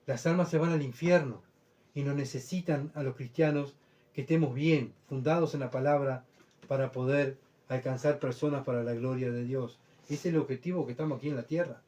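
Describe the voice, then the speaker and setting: A man preaching a sermon, earnest and emphatic, swinging between loud bursts and quiet asides and often asking his listeners if they follow. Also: mid-range voice, fairly even intonation, fairly quick. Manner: earnest, emphatic, rhetorical questions. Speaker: pastor.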